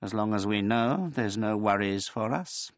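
A man voicing a weary, laconic elderly male tomcat who speaks in a dry, unhurried, noncommittal way. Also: fairly low pitch, dry recording, dull audio, pitched above the performer's own voice.

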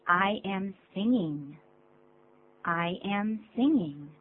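A woman reading English model sentences slowly and clearly on a radio lesson, saying each one twice. Her pitch moves expressively, and the sound is thin and phone-like with a faint hum. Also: expressive. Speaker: English co-teacher.

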